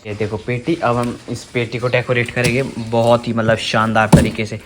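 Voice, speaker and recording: A man's voice: mid-range voice, completely flat delivery, normal speed, heavy background noise. A young man chatting casually to his viewers in a home vlog, teasing and talking straight to them. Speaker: family vlogger. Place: family home. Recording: loud crickets chirping behind.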